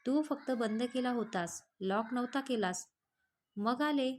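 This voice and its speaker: A woman reads a playful, innocent young woman in a story. She is cheeky and teasing. The voice is a little high. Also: unhurried, slight background noise, lightly acted.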